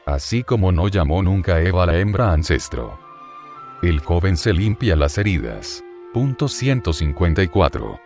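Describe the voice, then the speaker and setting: A man giving a slow, measured first-person narration of a visionary account, describing each detail deliberately. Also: low-pitched, sing-song, darkish tone, soft background music.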